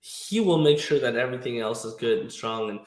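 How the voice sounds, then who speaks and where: A man's voice: mid-range voice, brisk. A man born in Ukraine, a trucking company owner, talking earnestly as a podcast guest in loose, restarting sentences. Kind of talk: casual interview talk. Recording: roomy echo.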